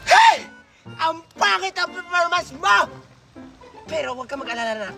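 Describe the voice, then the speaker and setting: Performer doing a brash loud auntie, high bright voice, swooping pitch, scolds and shouts, music in background. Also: huge pitch swings, normal speed, vocal fry, exaggerated voice. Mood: mocking. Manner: scolding, shouting, blunt insults. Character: loud bossy woman handing out Christmas gifts. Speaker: gift giver.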